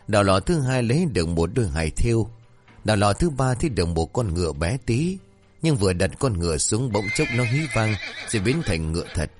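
A man narrating a folk tale in a steady storytelling manner. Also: lowish voice, breathy edge.

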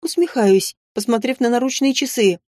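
Higher-voiced woman reading a story. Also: animated, moderate pace, mellow, dry recording, clean studio sound. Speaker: audiobook narrator. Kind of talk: first-person story narration.

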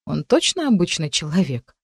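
A woman narrating a first-person audiobook with expressive storytelling. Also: lowish voice, moderate pace, breathy edge, dry recording, studio quality.

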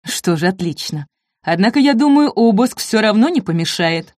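A woman's voice: medium pitch, expressive, moderate pace, darkish tone, no room sound, lightly acted. A woman voicing a harsh, menacing male German officer in a dry, close recording. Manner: threatening, contemptuous.

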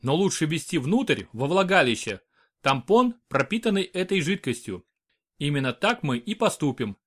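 A man's voice: fairly high pitch, sing-song, normal speed, fairly bright tone. A man voicing a huge, stern male doctor who barks curt orders. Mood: commanding.

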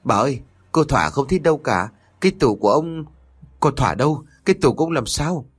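A man's voice: mid-range voice, expressive, fast, husky, pitched above the performer's own voice. A man voicing a panicked young male servant in a told horror story, calling out urgently.

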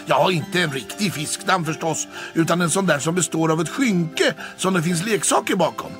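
A man narrating a children's story in a lively storytelling manner. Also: a little high. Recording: faint background music.

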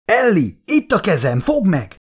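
A man voicing a frantic male scientist who shouts in alarm. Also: high-pitched, huge pitch swings, breathy edge, pitched above the performer's own voice, exaggerated voice. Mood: frantic shouting. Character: frantic male scientist yelling through a storm.

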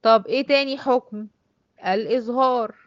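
A woman's voice: a little high, normal speed, no echo. Egyptian woman, tajweed teacher, patient step-by-step explainer, dull dry recording. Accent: Egyptian Arabic. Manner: explains step by step, asks and answers her own questions, drawls out example words. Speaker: Quran recitation teacher. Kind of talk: classroom tajweed lesson.

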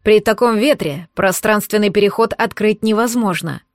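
A woman's voice: medium pitch, moderate pace, no room sound, studio quality, natural voice. A woman reading a grave, level-headed male dragon. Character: sober, gloomy male dragon adviser.

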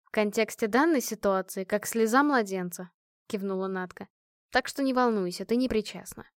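A woman voicing a calm, ironic woman analyst who speaks in a measured, dry way. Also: medium pitch, no echo, close to an everyday voice.

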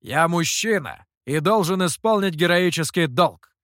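A man's voice: a little high, lively intonation, a little slow, a bit bright, no room sound, studio quality. A reader voicing a stubborn male monkey lord who talks in a pompous, insistent, raised voice.

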